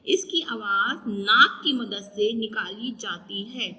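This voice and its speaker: A woman's voice: mid-range voice, slow pace, bright, forceful tone, big-room sound, low-quality recording. A woman teacher giving a recorded class lesson, patiently spelling out letters and drawing out each sound.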